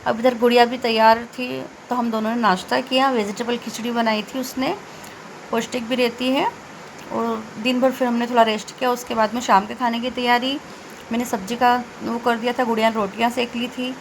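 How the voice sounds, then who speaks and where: A woman in her forties chats her way through a home cleaning day in a loose, rambling voice-over. Her voice sits a little high, and she stops to fix her own words. Faint room ambience hums behind her. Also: a little hiss or hum, rough recording. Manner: chatty and rambling, with self-corrections and filler pauses. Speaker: home vlogger.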